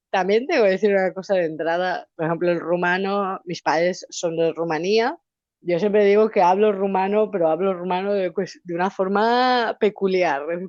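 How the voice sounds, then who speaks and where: A young Valencian woman from Spain chats animatedly as a guest in a casual interview, restarting often. Her voice is fairly low in pitch, and the recording has no room sound but sounds dull.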